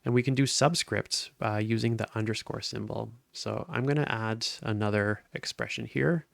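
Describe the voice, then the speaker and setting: A man's voice: lowish voice, steady tone, normal speed, creaky, dry recording. A man giving a step-by-step lesson while recording his screen, explaining each step plainly. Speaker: instructor. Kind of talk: screen-recorded coding tutorial.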